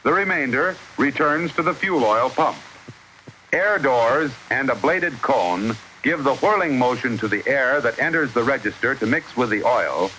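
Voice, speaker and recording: A man narrates in the formal style of a 1950s educational newsreel. His voice is bright and forceful, with animated rises and falls that keep the instruction clear. It plays on a vintage film soundtrack with light background noise. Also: medium pitch, measured pace, rough recording.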